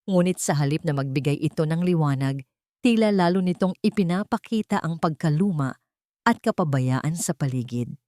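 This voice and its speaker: In a fairly low, darkish voice, a Filipino woman tells a dramatic story. The recording is close and dry, with hardly any room around it and no echo.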